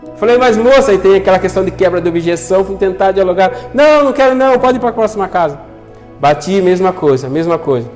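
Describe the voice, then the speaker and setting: Young male preacher, high voice, storytelling sermon with soft music underneath. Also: expressive, quick pace. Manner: storytelling, acting out quoted voices, earnest appeals. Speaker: pastor. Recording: long hall reverb with soft music.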